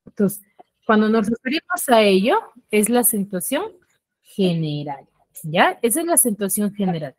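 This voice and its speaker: A woman's voice: medium pitch, very animated, moderate pace, darkish tone, dry recording. A woman teaching an online class on a video call, drilling students with repeated questions.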